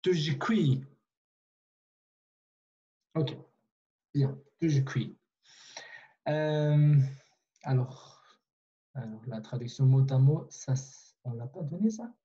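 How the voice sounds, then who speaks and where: A man's voice: mid-range voice, lively intonation, takes it slowly, pauses often, mellow, muffled recording. A man teaching a language online in a patient way, repeating himself with many fillers and restarts, over a video call.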